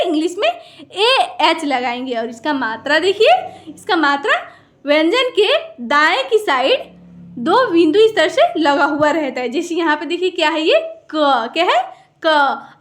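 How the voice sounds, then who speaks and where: A woman's voice: very high voice, a bit bright. A woman teacher with a Hindi accent explaining a lesson to viewers. She asks a question and then answers it herself, repeating the key points.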